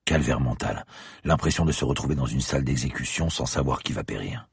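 A man narrating a story in first person, terse and gritty, with a husky voice. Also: very deep voice, brisk, no room sound, clean studio sound. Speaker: audiobook narrator.

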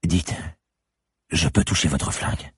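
A man voicing a nosy, prudish middle-aged woman concierge with a shrill, indignant manner under a husky voice. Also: measured pace, fairly bright tone, no echo, clean studio sound, full character voice. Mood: curious.

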